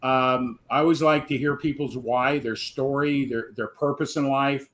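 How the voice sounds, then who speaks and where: A man's voice: mid-range voice, fairly even intonation, moderate pace, fairly bright tone. A man hosting a live online show, introducing his guest in a loose, rambling way. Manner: rambling, many fillers and restarts. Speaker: host.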